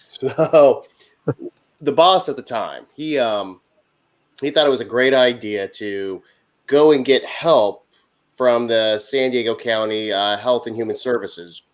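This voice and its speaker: A man telling a long, funny work anecdote on a talk show, animated and laughing as he goes. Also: medium pitch, measured pace. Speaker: HVAC technician guest. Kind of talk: casual storytelling on a talk show.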